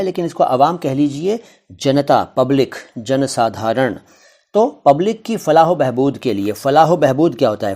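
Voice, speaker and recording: A man's voice: mid-range voice, darkish tone. A male teacher explaining a textbook chapter, reading a line and then glossing each word with synonyms, asking and answering his own questions.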